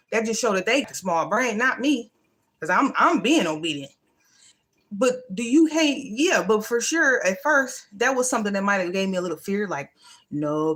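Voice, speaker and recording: A woman's voice: fairly high pitch, a bit bright. A woman hosting a livestream, giving a casual, emphatic motivational talk in a folksy, everyday way. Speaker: livestream host.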